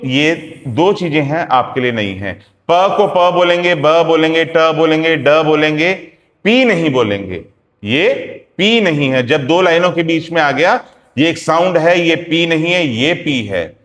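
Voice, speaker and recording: A man gives a slow, deliberate phonetics lesson, sounding out each letter and repeating examples. His voice sits a little high and carries a long reverb around an echoey classroom. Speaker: phonetics teacher. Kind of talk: classroom lecture.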